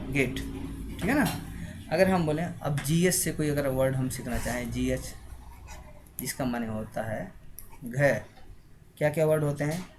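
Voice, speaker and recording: A man's voice: medium pitch, a little hiss or hum. Hindi-speaking man spelling words aloud. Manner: asks frequent checking questions. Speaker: teacher. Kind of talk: spoken spelling lesson.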